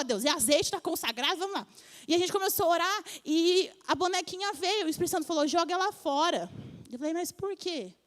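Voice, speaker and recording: A young woman giving a spoken testimony at a church service, telling her story in an animated way and acting out the dialogue. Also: high voice.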